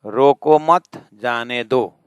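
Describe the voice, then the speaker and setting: A middle-aged man with a Gujarati accent teaching a scripture class. He speaks slowly, repeats verse lines, and leans on stress and pauses to show how the meaning shifts. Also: mid-range voice, clean tone, no room sound, lo-fi sound.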